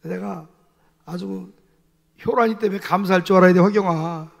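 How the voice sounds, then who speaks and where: Emphatic pastor with a high, gravelly voice. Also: male voice, normal speed, long reverb tail. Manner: animated, emphatic storytelling with repeated fillers. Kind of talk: sermon storytelling. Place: church sanctuary.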